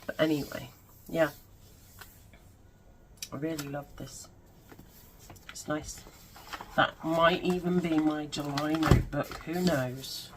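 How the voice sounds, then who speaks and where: A woman with a low voice presents items in a casual unboxing style. She takes her time, yet sounds excited and breathy as she exclaims. There is clear background noise on the recording. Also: takes it slowly, pauses often. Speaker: unboxing video host. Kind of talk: casual product unboxing commentary.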